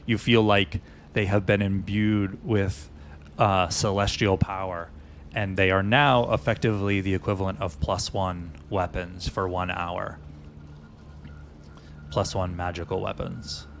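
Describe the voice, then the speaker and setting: A man narrating as dungeon master in a loose, halting way with many fillers. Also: deep voice, little pitch movement, vocal fry, fairly bright tone, slight background noise. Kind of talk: narrating a tabletop game.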